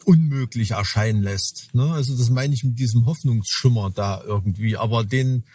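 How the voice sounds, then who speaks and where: Husky man, dry close sound, rambling podcast co-host full of restarts. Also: medium pitch, moderate pace, darkish tone, no room sound. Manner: rambling, many restarts, tag questions. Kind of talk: casual chat.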